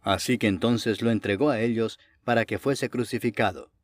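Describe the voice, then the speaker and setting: A man reading Bible narration in an even, steady way. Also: lowish voice, normal speed. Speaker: Bible reader.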